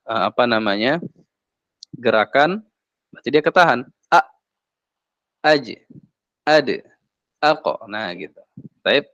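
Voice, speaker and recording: A man's voice: medium pitch, fairly bright tone, no room sound. A man teaching Quran recitation, patiently demonstrating letter sounds one by one. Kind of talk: classroom lesson on letter articulation. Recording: dry, dull lo-fi recording.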